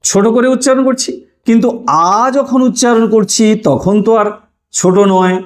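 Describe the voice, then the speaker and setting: A man's voice: very high voice, normal speed. A man teaching a lesson online, explaining step by step, drawing out sounds and asking listeners questions.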